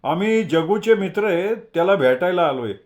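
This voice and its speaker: A man voicing a quick-tempered young friend who speaks high, loud and blunt. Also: animated. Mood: brash.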